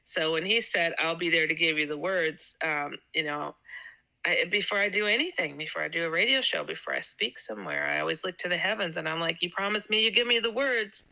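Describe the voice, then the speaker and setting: Here a woman guest author speaks briskly in a low, gravelly, sharp-toned voice, recounting something personal in an easygoing interview. Acting out quotes, she stammers and repeats herself, with frequent laughter between lines, and the audio is poor.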